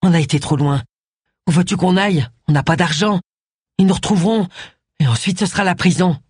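Brief: reader playing a cornered male killer, stammering and hopeless, low and husky, audiobook. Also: brisk, a little mellow, no room sound, clean studio sound. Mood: despairing. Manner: stammering, despairing.

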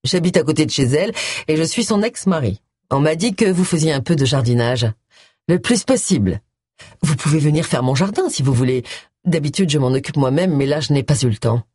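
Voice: medium pitch, lively intonation, brisk, a little mellow, husky, dry recording, studio quality. A reader voicing James, a self-assured retired male army colonel, in an audiobook, speaking in a confident, inviting way.

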